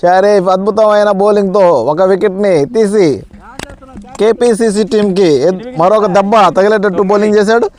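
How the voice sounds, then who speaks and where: A man giving live amateur cricket commentary in an excitable manner, repeating stock phrases of praise. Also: high-pitched, normal speed.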